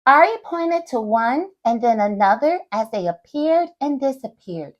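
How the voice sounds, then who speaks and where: An animated woman reads a children's storybook aloud, speaking straight to her young audience. Her voice sits high and moves through a wide, lively pitch range. She sounds warm and expressive, like a children's storyteller. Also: a little slow, dull audio. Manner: animated, talks to young listeners.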